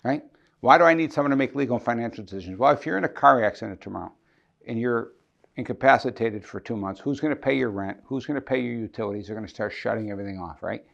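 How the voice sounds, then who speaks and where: A man's voice: mid-range voice, creaky, lo-fi sound. A man, an estate planning attorney, explaining legal documents to camera. He asks questions and answers them himself, often checking in with "right?".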